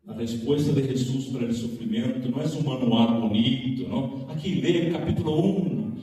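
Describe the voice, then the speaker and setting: Passionate preacher. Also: male voice, mid-range voice, moderate pace. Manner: passionate, emphatic, swings between quiet and loud. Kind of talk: sermon. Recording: echoey hall from far off.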